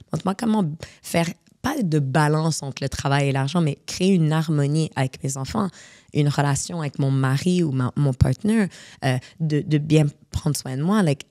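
A woman's voice: low voice, dry recording, studio quality. A woman from Morocco, a coach, talking casually in an interview and dropping English words into her speech. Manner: mixes English words into French, animated. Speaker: guest speaker and coach.

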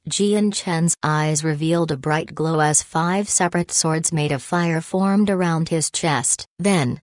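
Woman, audiobook narrator, low pitch, dry recording, steady even reading. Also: no room sound. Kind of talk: scripted narration.

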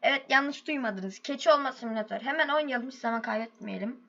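A woman hosting a gaming video, commenting on her play with loud, excitable exclamations and rough slang. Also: on the high side, fairly quick, dull audio.

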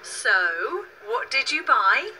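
A woman's voice: fairly high pitch, very animated, extremely slow, bright, forceful tone, a little hiss or hum, exaggerated voice, rough recording. A woman voicing a kindly mother in a scripted children's language-course cartoon. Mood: delighted.

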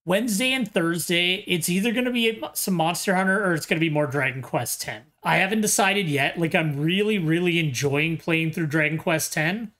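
A man's voice: a little high, normal speed, hardly any pauses, a bit bright. A tired man in his thirties chatting casually on a video game livestream. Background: game music.

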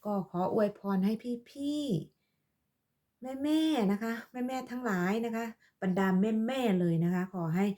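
A woman's voice: medium pitch, warm tone. A woman from Lopburi, talking casually on her vlog and scolding her critic in a sarcastic, mock-motherly way, with polite particles at the end of every phrase. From Thailand, Lopburi. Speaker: vlogger addressing her viewers. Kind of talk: casual live-stream monologue.

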